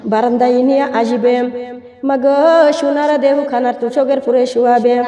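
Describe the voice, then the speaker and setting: A woman's voice: sits high, steady tone, moderate pace, dark tone, reverberant, long reverb tail, soft background music. A woman preacher giving a sermon in a sing-song chant, calling out to the women listening.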